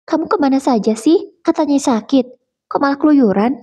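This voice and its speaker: Woman putting on a fussing high-voiced mother. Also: moderate pace, warm tone, highs cut off, lightly acted. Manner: fussing, scolding lovingly. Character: elderly mother, talkative and doting.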